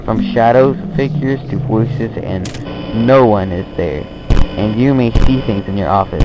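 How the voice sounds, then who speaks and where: Guy doing a lowish casual night guard trainer for a horror game, kinda offhand, trails off, noisy homemade recording. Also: natural voice. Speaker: phone guide briefing a new night guard. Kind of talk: amateur horror game voice-over monologue. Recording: noisy amateur recording, clear background noise.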